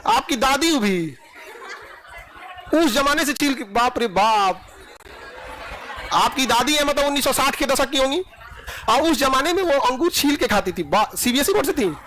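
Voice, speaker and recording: Male classroom teacher, high pitch, tense bright tone, teasing and jokey. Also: lively intonation, normal speed, pauses often, slight background noise. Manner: joking, teasing students, laughing often. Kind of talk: classroom lecture.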